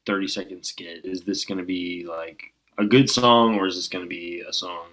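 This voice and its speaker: Deep voiced guy hosting a chill album review, kinda halting, lots of uhs. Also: fairly even intonation, a bit bright, low-quality recording. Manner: laid-back, hesitant with fillers. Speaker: co-host of album review show. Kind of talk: casual review chat.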